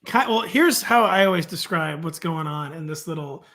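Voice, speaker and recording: A man's voice: a little high, moderate pace, a bit bright. A man from the St. Louis suburbs talking fantasy football in a casual chat, full of "like" fillers.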